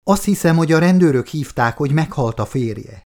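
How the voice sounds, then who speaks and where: A man's voice: a little high, animated, a little mellow, pitched above the performer's own voice. A man doing a frightened, pleading young man. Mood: anxious. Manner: anxious, pleading. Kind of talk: audiobook character voice.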